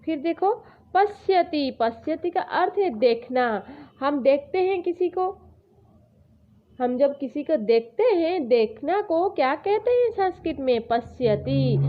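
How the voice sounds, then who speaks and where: A woman teacher explaining words to schoolchildren in an online lesson, repeating each meaning slowly and mixing in English words. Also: sits high, animated, lo-fi sound. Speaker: Sanskrit teacher.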